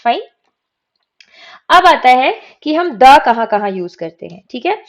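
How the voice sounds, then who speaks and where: A woman's voice: high-pitched, very animated, unhurried. A woman teaching English grammar from slides. She asks her students questions and answers them herself. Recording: dull lo-fi recording.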